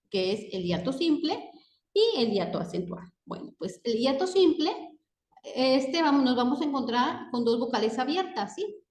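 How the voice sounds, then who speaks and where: A woman with a fairly high voice teaches a grammar lesson at a very slow, careful pace. She reads each example word on its own. Her voice rings in an echoey room. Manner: checks in with a rising "¿sí?" after each point; reads example words slowly one at a time.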